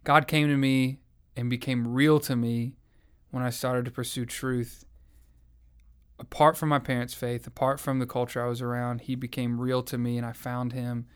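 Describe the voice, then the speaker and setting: His voice is smooth and mid-range, delivered flatly at a moderate pace. He's a young adult from the American South, reflecting earnestly on his faith story in an interview as a conversational personal testimony.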